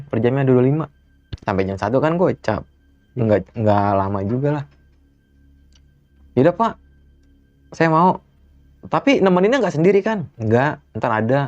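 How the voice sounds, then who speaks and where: A young man with a Jakarta colloquial accent, casually telling a ghost story as an interview guest and acting out every voice in it with big jumps in pitch. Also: no echo. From Jakarta, Indonesia. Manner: animated, acts out quoted dialogue with sharp pitch jumps. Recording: dull dry recording with faint music.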